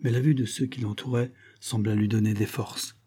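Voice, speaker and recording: A man's voice: fairly low pitch, fairly even intonation, moderate pace, warm tone, husky. A man narrating an adventure novel as an audiobook, with dramatic storytelling. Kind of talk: scripted narration.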